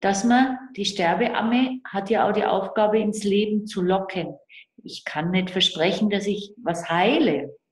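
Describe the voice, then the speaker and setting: Speaking at a measured pace in a mid-range voice, this older woman joins a video call as a guest counsellor on end of life and grief, sharing personal reflections. She's in a small room indoors, and her computer mic picks up roomy call audio.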